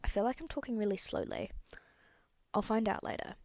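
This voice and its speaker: Candid young woman with a gravelly edge. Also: medium pitch, huge pitch swings, a little fast, darkish tone, no room sound. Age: young adult. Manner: candid, rambling, self-correcting. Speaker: podcast host. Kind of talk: casual solo podcast talk.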